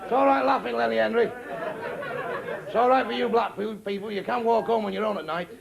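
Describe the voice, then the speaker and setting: A man's voice: sits high, fairly even intonation, gravelly, muffled recording. A man doing a crude, brash stand-up comedy routine before a live audience in a comedy venue. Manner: brash, crude joke-telling with quick quoted exchanges. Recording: noisy live room with a laughing crowd.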